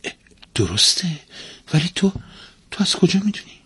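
A man's voice: fairly low pitch, big pitch swings, husky, no echo, full character voice. A man voicing a hot-tempered, suspicious merchant's wife in a storybook reading, in a raised, scolding voice. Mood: startled.

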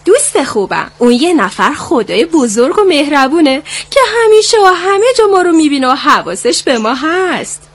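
A woman voicing a kind, calm hoopoe bird who gives gentle advice in a children's story. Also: high-pitched, few pauses. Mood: kindly. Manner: calm, kindly.

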